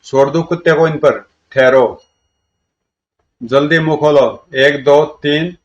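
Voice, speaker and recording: A man with a somewhat high voice reads a comic story aloud, jumping between the characters' lines in a lively way. The recording sounds dull and lo-fi. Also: moderate pace. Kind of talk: reading a comic aloud, voicing all characters.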